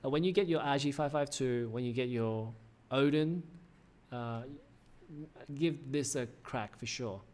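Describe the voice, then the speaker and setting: An Australian livestream host in his 30s gives casual, rambling commentary, correcting himself and filling gaps with frequent "uh"s. His mid-pitched voice has a darkish tone and is a little slow, sounding slightly worn as if he's starting to lose it.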